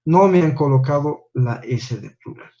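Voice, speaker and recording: A man's voice: a little high, expressive, moderate pace, dark tone, dull audio. A man teaching an English class online, patiently correcting homework and checking in with "¿no?" after each point.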